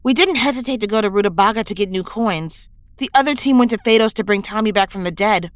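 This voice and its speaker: A woman plays an earnest, idealistic young superhero in an audio drama, sounding reflective, sincere and pleading. She talks fast in a natural, medium-pitched voice, recorded dry.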